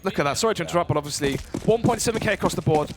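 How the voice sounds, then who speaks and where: A man's voice: sits high, racing, background noise. A man commentating analytically as an esports caster, explaining tactics in dense game jargon. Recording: gunfire and clicks over the voice. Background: video game gunfire and clicks.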